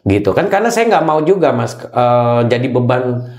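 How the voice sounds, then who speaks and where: A man's voice: medium pitch, lively intonation, moderate pace, darkish tone. A man telling his story as an interview guest, hesitant, with many fillers and tag questions. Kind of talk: casual testimony interview. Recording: roomy echo.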